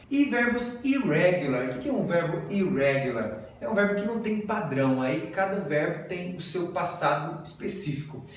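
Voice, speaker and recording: A man's voice: on the high side, recorded from a distance, a little hiss or hum. A Brazilian man with a Brazilian Portuguese accent, an English teacher giving a video lesson and patiently drilling pronunciation. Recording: very echoey room, voice off-mic.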